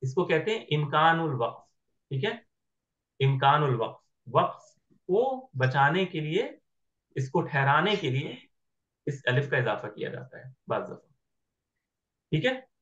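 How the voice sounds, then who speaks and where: A man's voice: a little high, sing-song, unhurried, long pauses, fairly bright tone, lo-fi sound. A man teaching Arabic grammar in an online class, patiently asking his students whether they follow. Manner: patient, checks understanding with questions.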